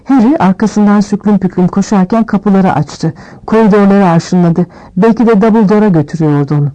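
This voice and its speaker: A woman reading a novel aloud as scripted narration, shifting her pitch a little for each character. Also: a little fast, mellow, low-quality recording. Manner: reads all characters with small pitch shifts. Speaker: audiobook reader.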